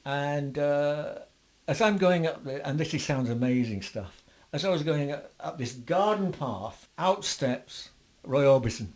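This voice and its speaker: A man's voice: a little high, animated, a little slow, darkish tone. Older man telling rambling band stories. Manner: rambling anecdotes with many fillers and restarts. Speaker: guest musician, bassist. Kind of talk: interview storytelling.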